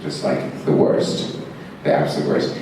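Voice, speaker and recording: Deep-voiced man telling stories in an echoey hall. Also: fairly even intonation, measured pace, recorded from a distance, noisy background. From Zimbabwe. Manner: rambling and self-mocking, laughs often, many fillers. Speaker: actor answering fan questions on a panel. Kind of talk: convention Q&A storytelling. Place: large convention hall. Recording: echoey hall, mic heard from afar.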